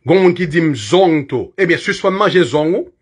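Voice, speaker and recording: A man with a Haitian accent gives a casual lesson on English words for body parts, chatting, laughing often and spelling each word letter by letter. His voice is a little high and husky, at a moderate pace.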